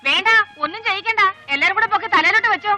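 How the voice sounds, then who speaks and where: A proud, furious middle-aged mother berates her son in a high, cutting voice. Her scolding comes out sharp and loud, with faint music behind. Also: very fast, heavily acted. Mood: scornful. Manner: shouting, scolding. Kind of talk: film dialogue.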